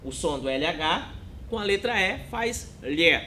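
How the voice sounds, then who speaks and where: A man teaches a lesson at an unhurried pace, his high voice rising and falling a lot. He keeps asking his listeners whether they follow. A faint rumble runs under the recording. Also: lively intonation, pushed and bright. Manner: slow, drawn-out, checks in with "né?" and "tá bom?".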